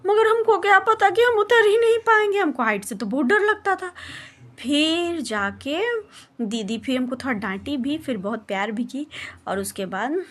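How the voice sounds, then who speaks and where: A woman casually telling a childhood story to her viewers in a chatty, animated way. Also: high voice, normal speed. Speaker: vlogger.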